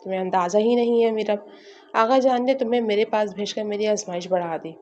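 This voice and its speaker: A brash, possessive young man speaks in low, teasing murmurs, as a woman storyteller reads him. His pitch sits in an ordinary middle range. The audiobook recording sounds slightly muffled, with faint noise behind. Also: mellow, close to an everyday voice.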